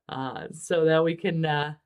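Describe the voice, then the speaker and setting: A woman hosting a casual livestream about miniature painting, relaxed and chatty with frequent ums. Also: sits low, phone-quality sound.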